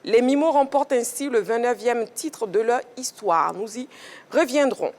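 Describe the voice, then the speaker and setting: A woman host reading sports news in a clear, measured way and handing over to a colleague. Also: on the high side, darkish tone. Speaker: show host. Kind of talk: news reading and studio hosting.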